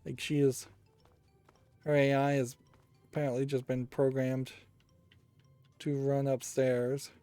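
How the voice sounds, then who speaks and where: A man's voice: medium pitch, flat delivery, slow, pauses often, dark tone, clean tone, no room sound. A man giving casual, analytical video game commentary, musing aloud as he plays. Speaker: host of a video game playthrough. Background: game music.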